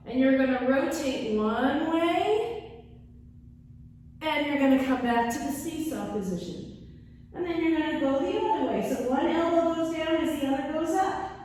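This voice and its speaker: A Pilates instructor with a high, slightly mellow voice cues and counts movements in short commands. The recording comes from an echoey hall, with a distant mic and faint noise.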